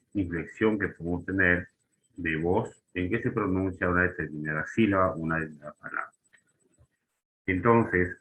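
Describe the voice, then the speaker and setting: Deep-voiced man teaching a lesson. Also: bright, forceful tone, rough recording. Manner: explanatory, frequent fillers and tag questions. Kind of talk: spelling and grammar lesson.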